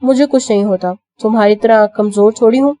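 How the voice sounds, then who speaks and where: A protective young husband with a soft, teasing manner in a storybook reading, as a woman reads his lines. The voice is mellow and dark, recorded dry and close. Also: a little high, dry recording, lightly acted.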